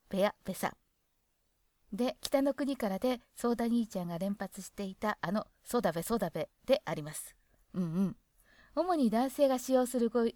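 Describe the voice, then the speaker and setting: A woman's voice: fairly high pitch, dark tone, no echo, clean studio sound. A woman with a Hokkaido accent reading a guide on dialect aloud and adding chatty asides of her own. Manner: chatty, adds asides to the text. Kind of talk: casual reading with commentary.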